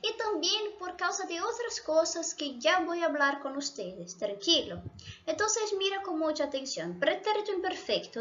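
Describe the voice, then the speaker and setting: A woman's voice: sits high, a bit bright, muffled recording. A woman from Brazil, a native Portuguese speaker with a Brazilian accent, patiently explaining Spanish grammar and often checking in with her students. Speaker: Spanish teacher.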